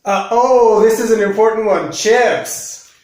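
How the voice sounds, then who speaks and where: Male host, high voice, curious questioner, echoey room. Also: steady tone, a little slow, darkish tone. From United States. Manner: curious, asks follow-up questions. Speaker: host English teacher. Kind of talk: casual conversation.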